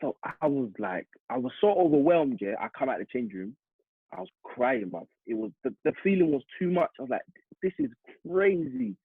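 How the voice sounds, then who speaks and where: A young man from East London with a London accent, a football striker telling a lively story in a casual interview. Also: mid-range voice, brisk, husky, no room sound. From East London, England. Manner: animated, vivid retelling with acted-out quotes. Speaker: interview guest, semi-pro striker. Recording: muffled phone-like audio.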